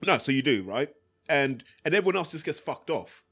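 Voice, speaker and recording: A man's voice: on the high side, big pitch swings, brisk, fairly bright tone, husky. A man with a British accent hosting a casual podcast chat, explaining his opinions in a matey, sweary way. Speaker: podcast host.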